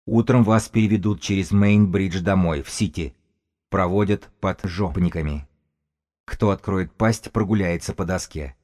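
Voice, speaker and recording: A stubborn gang chief, as a man acts him out, barks curt threats in a deep, dark voice. His orders land blunt and flat in this audiobook reading. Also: a little slow. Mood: threatening.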